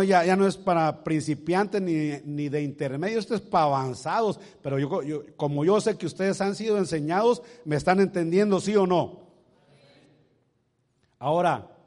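A man preaching a sermon in a big, echoing hall, his voice sitting fairly high. He drops to quiet asides, then rises to loud exclamations, and keeps throwing rhetorical questions at the congregation. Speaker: pastor. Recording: long reverb of a large hall.

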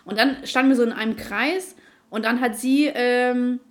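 A woman's voice: fairly high pitch, normal speed. A woman in casual chat, retelling arguments with lots of fillers, slang and acted-out quotes. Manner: colloquial youth slang.

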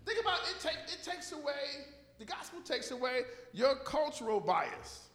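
A man's voice: very high voice, sing-song, normal speed, a bit bright. An American man preaching informally to a congregation, repeating phrases for emphasis and calling for responses. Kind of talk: informal, conversational sermon with call and response. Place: large echoey room, preaching to a congregation. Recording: echoey hall with long reverb.

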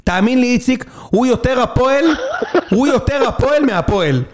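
High-voiced joking man co-host. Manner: animated, joking, laughs often. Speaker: podcast co-host. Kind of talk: casual sports banter.

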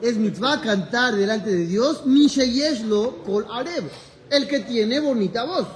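A man teaching as a rabbi in a lively class, telling a story, acting out its dialogue and joking with his listeners. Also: very high-pitched, takes it slowly. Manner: animated, jokes with the audience, acts out dialogue. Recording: echoey room with audience.

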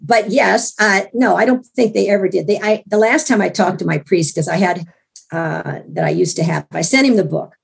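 A woman with a hoarse, gravelly, mid-range voice, still recovering from illness, tells a personal story as an interview guest. She talks at normal speed in a chatty manner, often restarting her sentences and adding wry asides.

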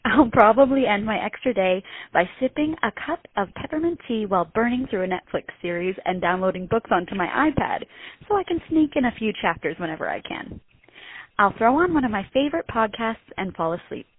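A young woman speaks over a tinny phone line as she leaves a voicemail message. Her voice is a little husky, and she talks in a peppy way. The line sounds dry and close. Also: mid-range voice, animated, fairly quick, no echo. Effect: heard over a phone line, leaving a voicemail. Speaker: caller, municipal clerk.

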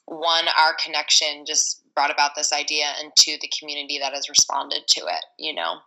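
A woman's voice: deep voice, normal speed, bright, forceful tone, rough recording. A woman of thirty, a podcast guest, talking in a rambling, casual way with many fillers. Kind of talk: casual interview chat.

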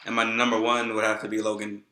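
A man's voice: fairly low pitch, completely flat delivery, fast talker, bright, forceful tone, reverberant, rough recording. A man chatting casually about movies in a laid-back, slangy way.

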